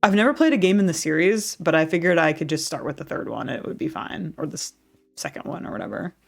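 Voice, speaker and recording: A young woman streams a game and reads its dialogue aloud, chatting casually, laughing a lot and often restarting her sentences. Her low, gravelly voice is expressive and quick.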